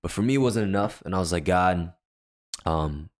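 At an ordinary pace, a deep-voiced worship leader who co-hosts a podcast shares something from his life in casual conversation. His telling rambles, with many fillers and restarts.

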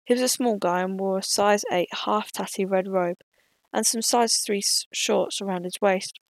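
Woman storyteller reading her tale plainly, creaky tone, dry close sound. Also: mid-range voice, fairly even intonation, moderate pace, no echo. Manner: plain reading with slips and restarts. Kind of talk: reading an original story aloud.

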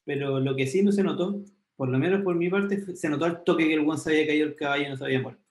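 A man with a Chilean Spanish accent, in a fairly high voice, talks loosely and full of slang about an anime. He retells scenes with lively acted quotes. The room around him has a noticeable echo. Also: racing. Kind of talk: casual anime discussion. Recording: echoey room.

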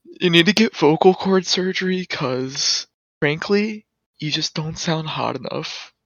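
A man's voice: fairly high pitch, a little slow, a bit bright, dry recording. A man playing a smug, vain young boyfriend in a comedy skit, teasing and mock-serious. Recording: dull lo-fi sound.

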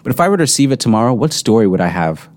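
A man's voice: medium pitch, sing-song, rapid-fire. A young man co-hosting a casual podcast chat, reflective and thinking aloud, with many filler words. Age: young adult. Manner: reflective, heavy use of filler "like". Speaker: podcast co-host.

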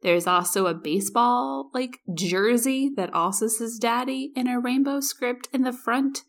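A woman's voice: on the high side, a little slow. A woman co-hosting a podcast in casual comedic chat, teasing and slipping into little imagined dialogues. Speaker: podcast co-host.

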